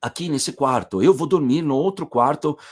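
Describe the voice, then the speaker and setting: A man's voice: a little high, normal speed, breathy edge, pitched above the performer's own voice. A man voicing an insistent, hospitable woman who presses her guest to stay the night.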